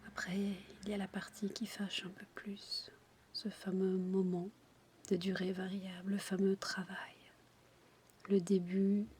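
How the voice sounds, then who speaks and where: A woman guiding a relaxation in a breathy, intimate ASMR whisper, soothing and addressing the listener directly. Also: medium pitch, monotone, unhurried, darkish tone, a little hiss or hum. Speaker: relaxation guide for childbirth.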